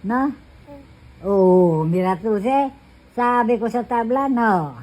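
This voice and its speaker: A woman's voice: mid-range voice, animated, takes it slowly, darkish tone, rough recording. A woman talking in playful, cooing baby talk to an infant, coaxing and laughing often.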